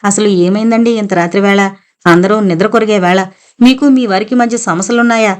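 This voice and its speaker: Audiobook part: a steady, gently firm young woman comforting someone, read by a woman narrator. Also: mid-range voice, fairly quick, lightly acted. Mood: soothing. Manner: soothing yet firm.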